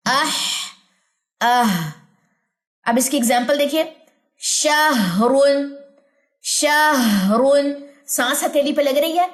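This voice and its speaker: A woman teaching tajweed online, explaining each point step by step and then slowly sounding out letters and example words. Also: sits high.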